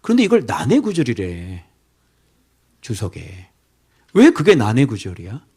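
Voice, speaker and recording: With huge swings in pitch around a medium center, a middle-aged pastor preaches expository material a little slowly, a breathy edge to his voice. He alternates loud, scolding bursts with near-whispers and keeps throwing rhetorical questions at the people listening.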